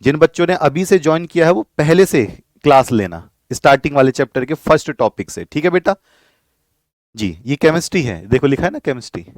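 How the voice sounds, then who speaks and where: A man's voice: on the high side, sing-song, fairly quick, darkish tone, dry recording. A man teaching a live online chemistry class, explaining patiently, repeating key points and asking his students to reply.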